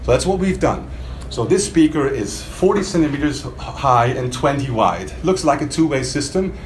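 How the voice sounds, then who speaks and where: With an expressive, mid-range voice at a moderate pace, a man runs an impromptu, emphatic product demo for a loudspeaker maker, posing rhetorical questions to a small crowd. Faint background noise and a roomy sound come from the indoor hotel demo room.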